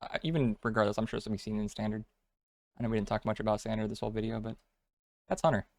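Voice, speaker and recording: A man's voice: on the low side, steady tone, racing, darkish tone, no echo, clean studio sound. A man co-hosting a card game stream with casual, off-the-cuff commentary in laid-back slang. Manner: laid-back slang, says dude often.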